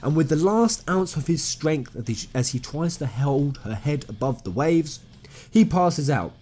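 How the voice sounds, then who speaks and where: This male game commentator has a fairly high pitch, lively intonation and a darkish tone, and he speaks a little slowly. Retelling a story to viewers with background music playing, he sounds informal and enthusiastic, leaning on and repeating certain phrases.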